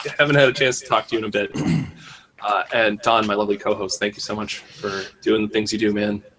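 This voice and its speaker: A man's voice: lowish voice, little pitch movement, fast, fairly bright tone. A man hosting a podcast in casual chat, joking, rambling and poking fun at himself. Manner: joking, rambling, self-mocking. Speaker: podcast host.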